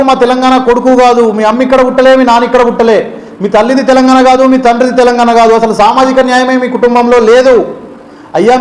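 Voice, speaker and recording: A man from Telangana with a Telangana Telugu accent, a student leader giving a heated political speech full of accusing rhetorical questions. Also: very high voice. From Telangana, India.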